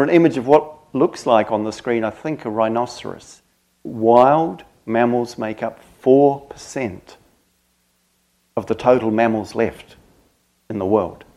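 A man speaking as a Dharma teacher to a group, earnest and reflective, in short halting phrases with thoughtful pauses. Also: mid-range voice, a little mellow. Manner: grave, earnest. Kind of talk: reflective spoken talk to a group.

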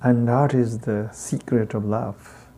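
A man with a heavy Tibetan accent, a native Tibetan speaker, giving a Buddhist dharma talk as a teacher in halting, deliberate phrases with long pauses. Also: mid-range voice, fairly even intonation, warm tone.

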